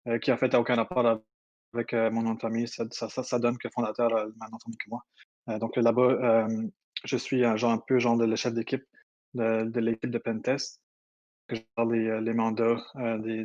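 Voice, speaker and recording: Acadian man, flat delivery, lo-fi call. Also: medium pitch. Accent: Acadian French. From New Brunswick. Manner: fast-talking, many hesitations. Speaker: guest presenter. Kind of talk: casual online presentation. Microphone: computer mic on a voice call. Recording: dull lo-fi call audio.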